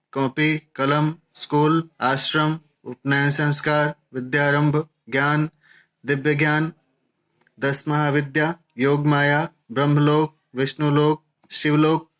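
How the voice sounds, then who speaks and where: Male teacher, slightly high voice, flat even delivery, measured one-word-at-a-time recitation of a vocabulary list. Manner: measured, listing words one by one with pauses.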